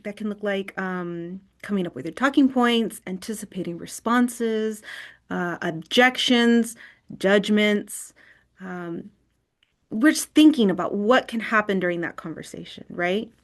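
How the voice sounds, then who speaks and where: A woman's voice: medium pitch, unhurried. A woman leading an online wellness workshop in a screen recording of a video call. She talks conversationally and often checks in with "right?".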